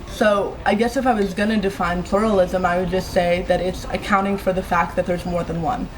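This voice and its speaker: A woman's voice: lowish voice, steady tone, brisk. Woman poet, reflective and explanatory interview voice, audible background noise. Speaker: poet and community organizer. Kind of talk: interview answers.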